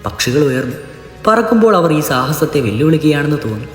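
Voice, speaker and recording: A man giving a solemn, measured scripted narration of a legend as storyteller. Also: on the high side, very animated, soft background music. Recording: echoey narration with long reverb.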